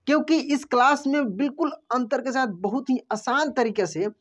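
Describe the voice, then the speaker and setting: A man teaching a Hindi lesson online, patiently explaining and slowly drawing out each word before repeating it. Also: extremely high pitch. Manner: addresses viewers as friends, patient and explanatory. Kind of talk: online lesson, reading words aloud.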